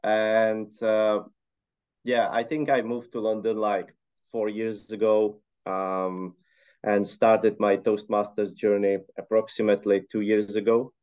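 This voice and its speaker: An interview guest from the Czech Republic gives casual, conversational answers in a low voice on a muffled line. He speaks slowly and sounds relaxed, though he hesitates often and leans on fillers.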